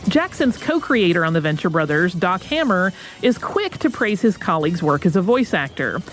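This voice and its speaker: A podcast host narrating in a measured, scripted way. Her pitch is lively and varied, with faint music behind her. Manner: measured, introduces clips.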